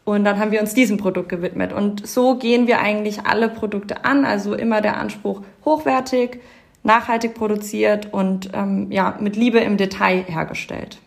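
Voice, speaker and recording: A woman in her thirties, a company co-founder, telling a story in a relaxed podcast chat with many fillers. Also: mid-range voice, moderate pace, vocal fry. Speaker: fashion label co-founder, guest. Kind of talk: casual podcast interview.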